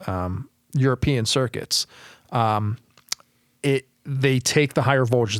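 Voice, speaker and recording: A man's voice: mid-range voice, dry recording, clean studio sound. A man who repairs guitar amplifiers, chatting as a podcast guest, explaining technical details with lots of fillers and restarts. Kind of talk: casual technical chat.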